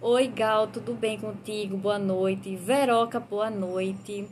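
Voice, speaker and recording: A woman's voice: medium pitch, steady tone, takes it slowly, a little mellow, slight background noise. A woman with a Brazilian Portuguese accent hosting a live stream, chatting casually with viewers and reviewing perfumes with frequent tag questions.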